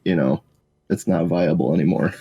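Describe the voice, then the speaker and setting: A young man co-hosting a casual podcast chat, talking in a halting, reflective way. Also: low-pitched, a crowd in the background, rough recording. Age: young adult. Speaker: podcast co-host.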